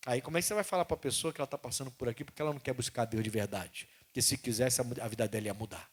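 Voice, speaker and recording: A man preaching a sermon as pastor, with animated delivery that swings between loud emphasis and quiet asides. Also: mid-range voice, racing, breathy edge. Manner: animated preaching with acted-out dialogue.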